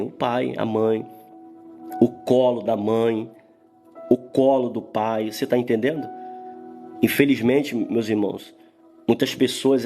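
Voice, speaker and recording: A man preaching a morning sermon, emphatic and full of rhetorical questions to his listeners. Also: mid-range voice.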